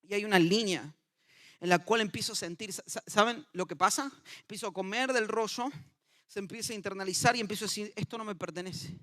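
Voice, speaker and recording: A male pastor, preaching a sermon with passion and swinging from loud to hushed. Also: sits high, a little fast.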